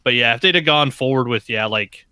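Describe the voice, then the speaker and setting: Dry deadpan man, bright tone. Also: mid-range voice, a little fast, smooth, dry recording. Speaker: podcast co-host. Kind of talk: casual podcast banter.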